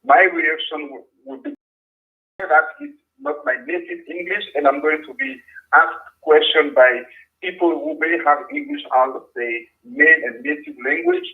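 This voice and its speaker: A man's voice: fairly high pitch, big pitch swings, a little slow, creaky. A man with a French accent, a French native speaker, talking carefully over a video call as a guest in a career coaching session. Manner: careful, hesitant speech with restarts. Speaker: job-seeking guest. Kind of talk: live-stream coaching conversation. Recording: muffled remote call audio.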